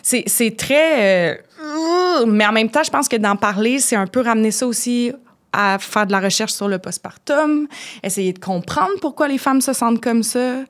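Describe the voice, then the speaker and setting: A woman's voice: on the high side, normal speed. A woman in her thirties with a Québécois accent, chatting openly as a podcast guest with restarts and fillers. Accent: Québécois French. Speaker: guest, playwright and actor. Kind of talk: casual podcast chat.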